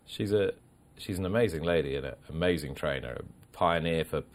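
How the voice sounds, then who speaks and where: A man interviewing a horse trainer, asking articulate, flattering questions. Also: very deep voice, brisk.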